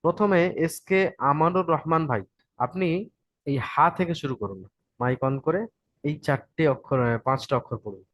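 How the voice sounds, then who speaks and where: A man's voice: a little high, moderate pace, a bit bright, no room sound. A man with a West Bengal Bengali accent teaching an online Quran reading class, patient and repeating each point to check his students follow.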